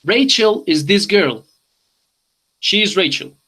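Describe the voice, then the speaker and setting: Brief: man from Colombia, slightly high voice, online bilingual English class. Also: expressive, slow pace, sharp tone, husky. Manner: switches between English and Spanish, repeating instructions. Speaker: English teacher.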